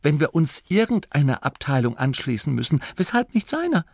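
A man voicing a sharp, reproachful young woman gnome in a storybook reading. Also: very animated, fairly quick, vocal fry, dry recording, clean studio sound, heavily acted. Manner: high, pointed questioning.

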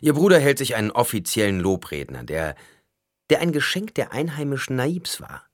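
A man voicing a calm male advisor in an audiobook, measured and lecturing. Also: medium pitch, no room sound, clean studio sound, pitched above the performer's own voice, lightly acted. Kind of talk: audiobook character voice.

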